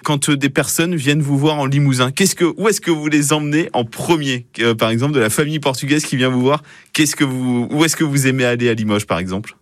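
Gentle male radio interviewer. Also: mid-range voice, fast talker, few pauses, no echo, clean studio sound. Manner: gentle, uses guest's name often.

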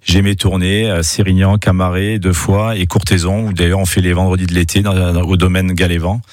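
A pizza chef speaking as a guest on a radio show. His voice is very low and dry, and he pauses often with fillers as he hesitates. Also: flat delivery, a little mellow, dry recording. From France. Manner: hesitant, many "euh" fillers. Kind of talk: radio interview.

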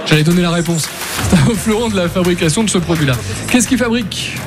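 Broadcasting from a trade fair, this radio game show host has a high voice and a quick delivery. He runs the quiz playfully and informally, with plenty of chat and teasing, over background music.

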